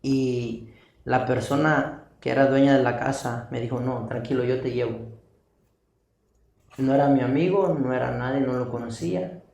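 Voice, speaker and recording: A man's voice: medium pitch, normal speed, creaky, a little mellow. A young man giving an earnest personal testimony, recounting events vividly with repetition. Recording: distant echoey room mic.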